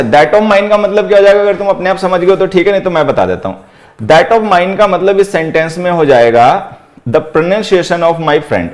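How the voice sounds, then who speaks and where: A man teaching an exam-prep grammar lesson, explaining step by step, repeating key points and slowing down to dictate example sentences. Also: high-pitched.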